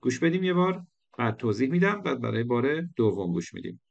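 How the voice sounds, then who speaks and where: A man's voice: medium pitch, sing-song, gravelly, dull audio. A male English teacher explaining a lesson patiently, repeating phrases and switching between languages.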